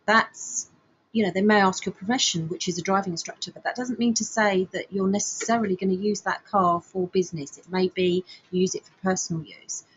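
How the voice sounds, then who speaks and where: Husky woman giving advice, muffled recording. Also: medium pitch, steady tone, fairly quick. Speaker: discussion panellist giving advice. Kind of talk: informal advice discussion.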